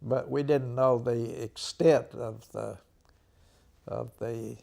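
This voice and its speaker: An American man in his nineties, an old veteran remembering the war in an interview, speaking haltingly with frequent throat clearing. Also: medium pitch, steady tone, warm tone. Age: 90s.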